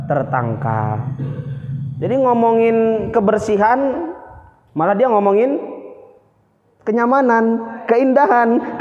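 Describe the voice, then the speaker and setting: A man running a public speaking workshop in a mosque, playful and teasing, often quizzing his audience. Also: high voice. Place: mosque hall. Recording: reverberant hall, dull lo-fi sound.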